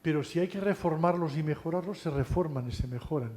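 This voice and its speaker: A man giving a university lecture in a relaxed, conversational way, often adding tag questions and restarting phrases. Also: on the high side, brisk. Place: lecture hall. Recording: long hall reverb.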